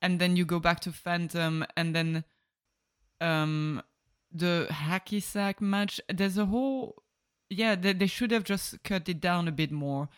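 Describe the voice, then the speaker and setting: A woman's voice: fairly low pitch, a little slow, smooth. Blunt, sarcastic woman podcast co-host. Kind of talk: casual movie-review chat.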